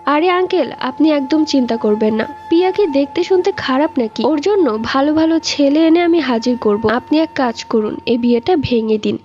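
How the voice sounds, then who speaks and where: A woman's voice: high voice, animated, normal speed, few pauses, darkish tone, lo-fi sound, faint music behind. A woman voicing a scheming young husband who talks people round and scolds his wife. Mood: scheming, curt. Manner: persuasive, scolding.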